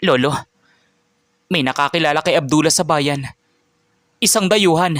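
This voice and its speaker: A man's voice: on the high side, normal speed, a bit bright, no echo, studio quality, close to an everyday voice. A man voicing a frightened young farmer father in a storybook narration. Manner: pleading, anxious.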